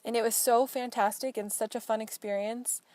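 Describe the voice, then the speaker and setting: A woman's voice: on the high side, steady tone, moderate pace, a little mellow, dry recording. Young woman ranting to herself in her car, dry close sound, blunt and fed up. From Portland, Oregon. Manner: frank, exasperated storytelling with swearing. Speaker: podcast host. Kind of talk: casual solo chat. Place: inside a parked car.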